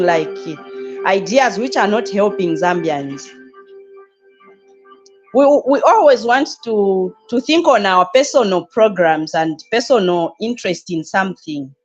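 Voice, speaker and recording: A woman's voice: medium pitch, lo-fi sound. A woman on a podcast panel who speaks hesitantly, searching for her words. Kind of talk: podcast discussion.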